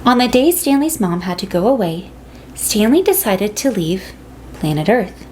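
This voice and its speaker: A woman reading a children's picture book aloud, gentle and storytelling. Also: mid-range voice, very animated, moderate pace, a little hiss or hum, low-quality recording. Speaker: reader.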